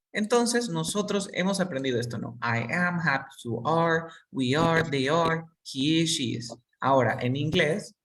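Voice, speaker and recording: An English teacher, giving a basic lesson and slowly drilling each word with students. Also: mid-range voice, fairly bright tone, recorded from a distance. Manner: slow and patient, repeats each word for students.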